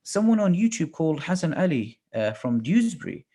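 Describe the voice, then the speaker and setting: A man's voice: a little high, sing-song, a little fast, mellow. A man in his thirties hosting a video call interview, asking friendly, upbeat questions over a headset. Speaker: host. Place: small indoor room.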